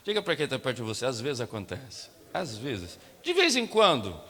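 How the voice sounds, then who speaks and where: Brazilian pastor preaching in a reverberant hall. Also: male voice, mid-range voice, moderate pace. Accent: Brazilian Portuguese. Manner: animated storytelling, acting out dialogue and addressing the congregation. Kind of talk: storytelling sermon. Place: church sanctuary. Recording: long hall reverb from a church sanctuary.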